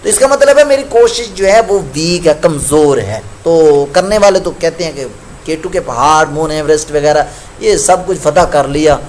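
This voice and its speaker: A male Quran recitation teacher giving a patient lesson, explaining common mistakes and chanting each example slowly. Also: a little high, a little hiss or hum.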